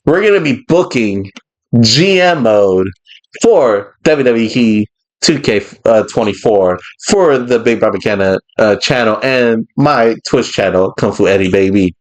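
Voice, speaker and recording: A man's voice: fairly low pitch, lively intonation, unhurried, poor audio. A man hosting a podcast in casual chat, rambling and laughing often. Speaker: podcast host.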